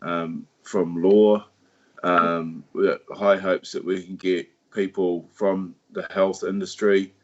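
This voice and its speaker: A low-voiced man with a New Zealand accent chats casually on a livestream about his party, delivering it flatly. He keeps restarting and filling gaps as he goes, and the stream audio is dull and lo-fi.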